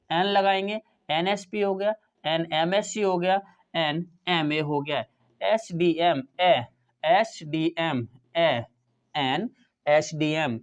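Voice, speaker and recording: A man, explaining a grammar lesson as a teacher, repeating words and answering his own questions. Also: high voice. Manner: repeats words slowly, asks and answers himself. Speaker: English teacher. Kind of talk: classroom explanation.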